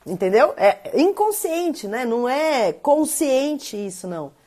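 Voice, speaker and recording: A woman in her thirties with a Brazilian accent hosts a casual live stream, chatting with viewers and reading their comments aloud. Her voice sits a little high. She talks animatedly and slips into playful voices when she quotes people. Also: sing-song, slow, dark tone. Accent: Brazilian Portuguese.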